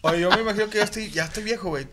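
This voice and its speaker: A man's voice: high voice, rapid-fire, background noise. A man in his forties with a Mexican accent, rambling through profane, self-mocking stories as a podcast host. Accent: Mexican Spanish. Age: 40s. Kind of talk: casual comedy chat.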